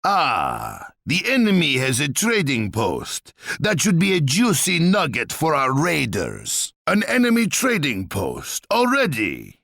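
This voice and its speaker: An actor playing a boastful, bloodthirsty Russian tsar in a strategy game, with a pompous, menacing, theatrical delivery and a rough, gravelly voice. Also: male voice, on the high side, wildly swooping pitch, slow, hardly any pauses, bright, forceful tone, dry recording, clean studio sound, exaggerated voice. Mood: menacing, gloating.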